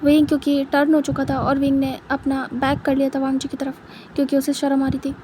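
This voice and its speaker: A woman narrating a fan fiction story in a steady, plain retelling. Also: sits high, a little fast, a little hiss or hum. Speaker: fanfiction narrator.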